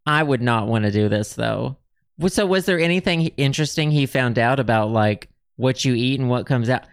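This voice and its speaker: A man co-hosting a casual podcast, cracking quick jokes. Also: medium pitch, smooth, dry recording, clean studio sound. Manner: jokey, quick quips. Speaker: podcast co-host. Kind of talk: casual chat.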